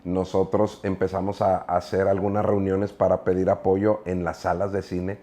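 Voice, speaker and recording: A man's voice: deep voice, flat delivery, moderate pace, dark tone. A middle-aged man with a Mexican accent, a preacher telling stories in an interview, earnest and rambling with many filler words. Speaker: guest preacher. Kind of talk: casual interview storytelling.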